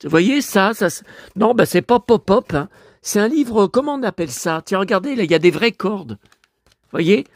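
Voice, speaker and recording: A hoarse man talking to his viewers at home, showing off his finds as a collector. He rambles, grumbles, swears often and keeps addressing the audience. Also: high voice, expressive, moderate pace, dry recording. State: hoarse, voice worn out. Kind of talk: rambling vlog talk to viewers.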